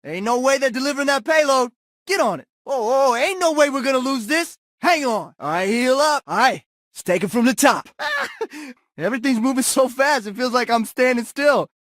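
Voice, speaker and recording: A man's voice: very high voice, expressive, normal speed, fairly bright tone, dry recording, studio quality. A man voicing an upbeat, laid-back young musician healer in a video game. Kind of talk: video game character voice lines.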